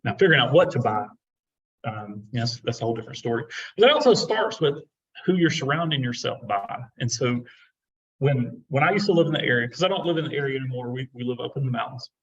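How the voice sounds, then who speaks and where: A man's voice: medium pitch, animated, fast talker, recorded from a distance, highs cut off. A middle-aged man who works as a real estate investor, giving casual, encouraging advice and often repeating his words.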